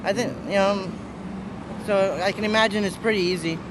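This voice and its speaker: A man in his twenties from Russia answers questions on a city street. His voice sits high, and he hesitates often, restarting his sentences. Heavy street noise runs underneath him. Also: fairly even intonation, normal speed. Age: 20s. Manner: hesitant, lots of uhs and restarts. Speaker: passerby. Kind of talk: casual street interview. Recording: loud street and traffic noise.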